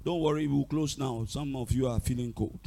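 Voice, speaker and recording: A man preaching a sermon in short bursts for an interpreter, shouting refrains and chuckling through asides. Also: mid-range voice, brisk, creaky.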